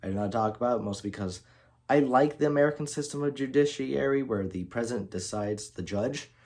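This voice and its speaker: A man casually telling an alternate-history story as the channel's host, often restarting and correcting himself mid-sentence. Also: mid-range voice. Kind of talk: unscripted storytelling narration.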